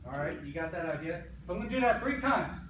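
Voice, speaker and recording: A man's voice: a little high, animated, fast. An American man, an army sergeant, giving a motivational pre-game speech in an emphatic, repetitive way, often checking in with "right?". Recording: echoey, noisy room, distant mic.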